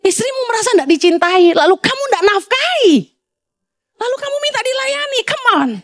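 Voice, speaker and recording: Woman pastor from Indonesia, high and animated voice, blunt conversational sermon. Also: moderate pace, no room sound, studio quality. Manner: blunt, conversational preaching with scolding asides.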